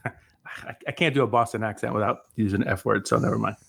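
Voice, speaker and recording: A man's voice: on the low side, fast talker, vocal fry, fairly bright tone, slightly rough. A man from Massachusetts co-hosting a casual sports podcast, playful and joking as he runs a quiz. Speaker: podcast co-host.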